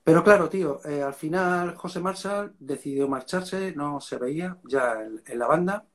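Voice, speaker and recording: A man's voice: fairly high pitch, moderate pace. A man with a Spain Spanish accent, a rock singer telling stories in a casual interview and dropping slang as he goes. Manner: casual storytelling, slangy, keeps saying "mate".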